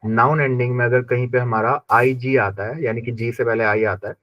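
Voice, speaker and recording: A man's voice: medium pitch, steady tone, no echo, muffled recording. Man teaching in a classroom. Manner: slow repetitive drilling of pronunciation. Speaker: German language teacher. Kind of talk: classroom lesson.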